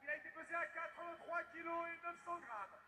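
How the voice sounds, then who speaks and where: A man as a boxing ring announcer, introducing fighters loudly and emphatically with drawn-out names. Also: extremely high pitch. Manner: loud, emphatic, declamatory. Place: large indoor arena on a PA system. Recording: echoey hall, long reverb, some noise.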